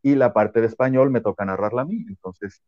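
A man's voice: mid-range voice, brisk, no echo, lo-fi sound. A man from Guadalajara with a Mexican accent, a voice-over narrator chatting casually and easily in an interview.

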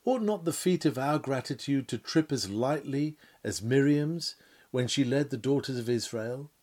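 A man's voice: mid-range voice, normal speed, darkish tone. A man delivering a sermon in solemn, old-fashioned biblical language, full of rhetorical questions. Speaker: preacher. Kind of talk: sermon reading.

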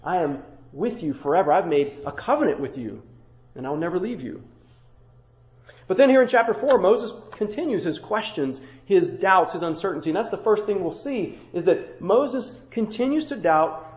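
A pastor with a high voice delivers a sermon at normal speed, his pitch swinging widely and his tone on the dark side. He piles short phrases into rhythmic lists and slips into casual, chatty asides. The audio is dull and muffled, with roomy echo.

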